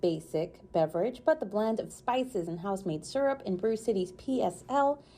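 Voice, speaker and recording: A woman's voice: mid-range voice, expressive, normal speed, dark tone. A woman reporter reading a scripted news feature voice-over in an upbeat, playful way.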